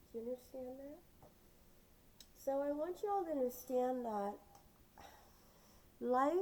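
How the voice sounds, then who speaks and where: A woman's voice: fairly high pitch, mellow. A woman speaking earnestly and directly to her viewers in a casual, heartfelt monologue about acting and life. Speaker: vlogger giving acting advice. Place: lying down at home.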